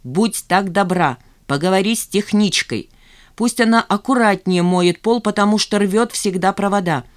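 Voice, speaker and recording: A woman voicing a sharp-tongued, indignant office woman who scolds her coworkers. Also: medium pitch, moderate pace, lightly acted. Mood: scolding indignant. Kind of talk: audiobook character voice.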